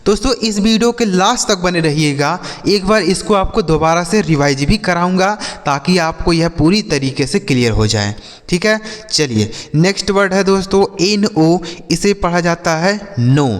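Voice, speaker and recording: A man teaching English words to Hindi speakers in a casual lesson. He says example sentences very slowly and keeps repeating "ठीक है" and "दोस्तों". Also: high voice, big-room sound.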